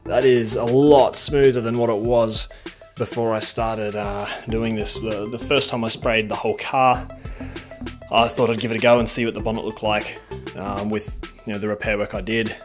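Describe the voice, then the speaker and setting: A man with a lowish, level voice talks at normal speed through his car repair work in a home garage, faint music playing behind him. Out of breath, he rambles in a plain-spoken way, full of ums, in this casual workshop vlog.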